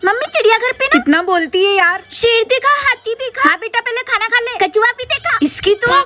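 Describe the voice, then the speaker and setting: A very high, girlish woman's voice trading playful insults and quick banter in a scripted comedy skit. She jumps between characters. Loud background music plays under her the whole time. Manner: quick bickering and teasing, switching between characters. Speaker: comedy sketch performer. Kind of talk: scripted comedy skit playing several neighbours.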